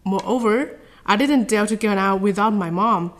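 This is a woman from China, a native Chinese speaker, answering interview questions. Her delivery is earnest and careful, with some halting restarts. Her pitch sits in the middle range.

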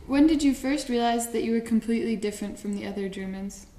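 Mellow woman interviewer in a roomy space. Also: fairly high pitch, fast. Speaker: interviewer and presenter. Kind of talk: scripted interview questions. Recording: roomy echo.

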